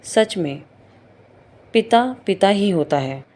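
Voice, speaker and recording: A woman narrating an emotional family story in a calm, even storytelling manner. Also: medium pitch, slow. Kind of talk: scripted narration.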